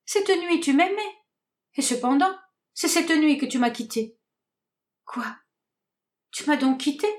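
A woman's voice: sits high, expressive, unhurried, pauses often, pitched above the performer's own voice. A woman voicing a small, fiery young woman jilted in love, theatrical and full of indignant questions, in a read-aloud stage comedy. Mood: hurt, bewildered.

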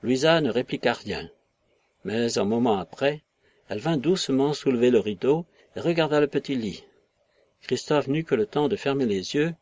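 Husky French-reading male narrator. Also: mid-range voice, a little mellow. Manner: measured, literary reading. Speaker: audiobook narrator. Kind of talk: scripted narration.

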